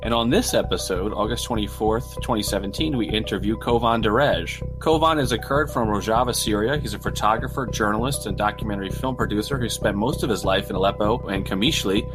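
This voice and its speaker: A man's voice: lowish voice, fairly quick, few pauses, over music. A man hosting a podcast, reading a scripted intro and then asking casual questions. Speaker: podcast host.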